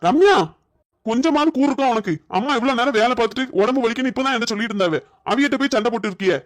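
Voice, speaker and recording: A woman voicing an exasperated grown son and husband in a family comedy skit, fast, scolding and fed up. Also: a little high, close to an everyday voice.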